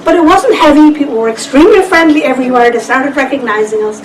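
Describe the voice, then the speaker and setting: Woman speaker, fairly high voice, chatty seminar talk, recorded from far off with noise behind. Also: quick pace. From Ireland. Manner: lively, chatty, with asides to the audience. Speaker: conference speaker. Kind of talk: presentation to a seminar audience. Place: lecture room. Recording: echoey room, distant mic, background noise.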